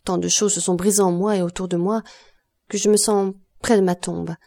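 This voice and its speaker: A woman's voice: medium pitch, fairly even intonation, normal speed, gravelly, mellow, natural voice. A woman reading the part of a grieving woman near forty who speaks in sorrowful, self-accusing pleas. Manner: sorrowful, pleading. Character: grieving woman of thirty-nine, broken by guilt.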